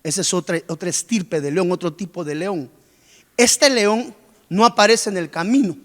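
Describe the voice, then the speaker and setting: A man preaching a sermon as pastor, with sudden surges of pitch and force, acting out worried church members. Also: moderate pace. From Guatemala. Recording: long reverb of a church hall.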